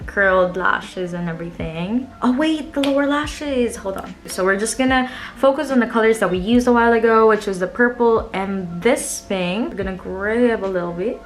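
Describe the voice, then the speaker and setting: A woman's voice: mid-range voice, a bit bright. A young woman talking viewers through her makeup in a chatty, playful way, as a casual tutorial vlog. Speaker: makeup vlogger.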